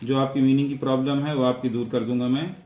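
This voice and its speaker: A man's voice: medium pitch, level tone, fast, a little mellow, reverberant, dull audio. A man teaching a vocabulary lesson, repeating each word and its meaning and explaining how to pronounce it.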